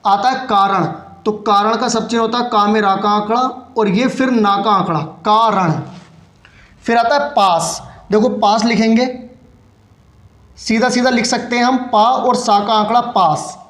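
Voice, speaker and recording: A man's voice: high-pitched, fairly even intonation, measured pace, a bit bright. A man giving a patient step-by-step lesson in shorthand, explaining each stroke as he writes it. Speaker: shorthand teacher. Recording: echoey room.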